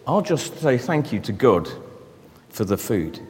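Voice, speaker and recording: A man voicing Jesus as a calm, gentle grown man in a told Bible story. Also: medium pitch, big-room sound, faint music behind, voice pushed down. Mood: serene. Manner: calm, soft, unhurried.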